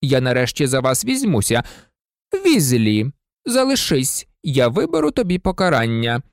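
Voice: mid-range voice, wildly swooping pitch, dry recording, studio quality. Snape, a reader voicing a cold silky professor. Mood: cold sneering. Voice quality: silky, slow and measured. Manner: icy, contemptuous. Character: cold sneering male professor, menacing.

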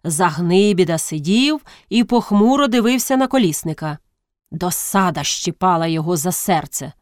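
Expressive woman reading a classic story. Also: on the low side, normal speed, no room sound. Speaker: audiobook reader. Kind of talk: literary storybook narration. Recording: dry studio sound.

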